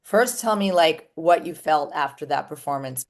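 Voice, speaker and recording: A woman's voice: low voice, expressive, moderate pace. A woman hosting a casual interview with a band, upbeat and enthusiastic. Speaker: showcase founder and interviewer.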